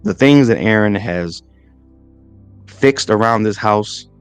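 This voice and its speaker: This minister and podcast host, in his forties, has a fairly low, clear, resonant voice with lively intonation and a slow pace. There's no echo, just soft background music, as he gives a motivational faith talk, checking in with "right?" and stacking lists in threes.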